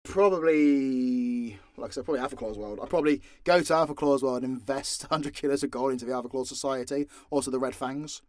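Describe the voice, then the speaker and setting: Speaking fast in a darkish, medium-pitched voice, a man answers fan questions with no script, cursing freely and keeping it candid. He works as a voice actor and audio creator, and the recording is dry.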